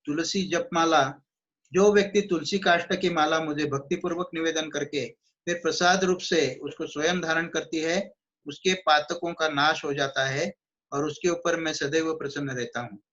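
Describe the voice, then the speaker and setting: A man's voice: fairly high pitch, a bit bright, lo-fi sound. Man reading devotional text aloud. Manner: reads slowly, then re-explains in his own words with restarts; chants Sanskrit verses in a slow measured recitation. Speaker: devotional book reader and teacher. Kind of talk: devotional book reading with commentary.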